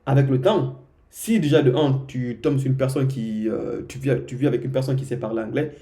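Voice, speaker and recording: A man's voice: mid-range voice, brisk, mellow. A young man from Guinea giving casual, informal advice to his viewers, often repeating himself and checking in with "ok?". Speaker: vlogger giving language tips. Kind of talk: casual direct-to-camera advice.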